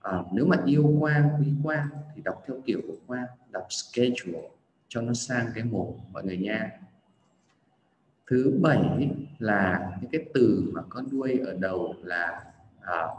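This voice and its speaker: A man from Vietnam giving a chatty livestream pronunciation lesson, repeating words slowly to demonstrate the sounds. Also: mid-range voice, reverberant, a little hiss or hum, rough recording. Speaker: English pronunciation teacher.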